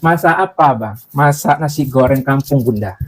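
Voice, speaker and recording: A man's voice: mid-range voice, moderate pace. A man hosting a casual cooking live stream from a boarding-house room, chatty and joking as he answers viewers' comments, a little out of breath from grinding spices. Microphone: clip-on mic.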